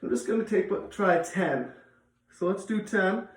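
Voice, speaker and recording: An echoey room carries the fairly high voice of a man teaching physical education. He talks learners through exercises informally, repeats the key steps and encourages them, lifting his voice when counting. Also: animated, a little slow. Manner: encouraging, counts repetitions aloud in raised voice. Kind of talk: instructional exercise demonstration.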